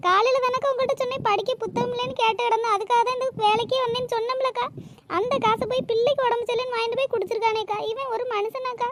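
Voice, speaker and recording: A woman's voice: very high voice, fairly even intonation, racing. A woman voicing a grieving, tearful village mother in a cartoon, speaking in a lamenting way. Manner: lamenting, pleading. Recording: noisy cartoon voice track.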